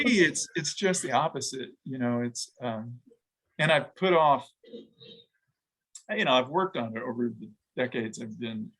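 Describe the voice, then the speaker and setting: A middle-aged man, a guest in an interview, talking reflectively with frequent pauses, fillers and restarts. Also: medium pitch, fairly bright tone, low-quality recording. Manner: halting, thoughtful, many restarts and fillers. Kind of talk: reflective conversation.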